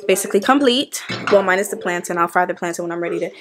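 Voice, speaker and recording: A woman's voice: on the low side, very fast, music in the background. A woman hosting a casual vlog, chatting loosely with plenty of fillers. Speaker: vlogger host. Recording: echoey room.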